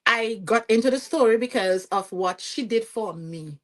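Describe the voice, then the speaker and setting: A woman with a Vincentian accent, a podcast guest telling her story in a lively, chatty way and often checking in with "you see what I'm saying?". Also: fairly high pitch, moderate pace. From Saint Vincent and the Grenadines. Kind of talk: conversational storytelling interview.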